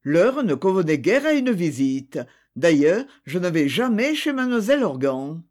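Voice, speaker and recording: A man's voice: high-pitched, sing-song, normal speed, darkish tone. A man doing a proud, worried young suspect. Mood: defensive. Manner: defensive, tense.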